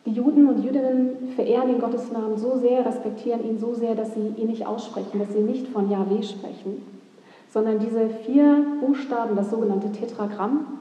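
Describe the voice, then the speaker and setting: A woman's voice: on the high side, warm tone. A woman pastor giving a sermon, reflective and thinking aloud with questions. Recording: long hall reverb, echoey church.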